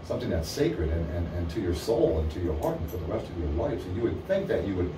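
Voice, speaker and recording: A man's voice: sits low, very animated, fast. A man in his sixties, talking casually and insistently as a citizen challenging police. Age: 60s. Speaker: citizen auditor questioning police. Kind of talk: casual conversation. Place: small indoor police station lobby. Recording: echoey, noisy, distant lobby recording.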